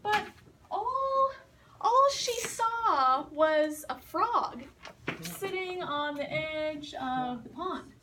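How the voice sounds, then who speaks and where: Slow, patient woman explaining a story. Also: sits high, expressive, pushed and bright. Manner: patient, repeats and explains words. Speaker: English teacher telling a story. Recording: distant mic with faint hiss.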